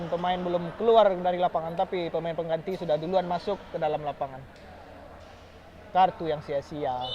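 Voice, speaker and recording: A high-voiced man calls a futsal match as an excitable, informal amateur commentator. He stretches out his calls in live sports style. The sound is dull, with clear court noise behind him. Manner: informal, drawn-out calls on big moments. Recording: muffled, noisy sports hall ambience.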